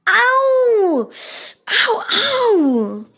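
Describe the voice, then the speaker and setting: A woman's voice: extremely high pitch, sing-song, drawn-out words, gravelly, noisy background, heavily acted. A woman playing a curious, whiny, good-humoured young female athlete in an educational audio drama, with playful, questioning exaggeration. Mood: pained, whiny.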